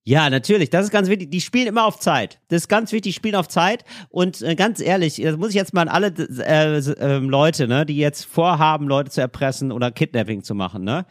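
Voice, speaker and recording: A man's voice: fairly high pitch, expressive, a little fast, few pauses, no room sound, studio quality. Man coaxing as a mock negotiator. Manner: plays a coaxing police negotiator, earnest and soothing. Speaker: podcast co-host. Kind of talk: comedic improvised role-play chat.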